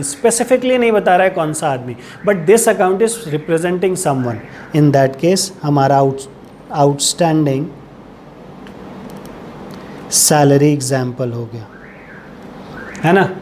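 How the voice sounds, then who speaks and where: A man's voice: high voice, darkish tone, a little hiss or hum. A man with an Indian accent giving an accounting lecture, patiently restating each point and asking rhetorical questions to check understanding. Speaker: accounting teacher. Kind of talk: classroom lecture.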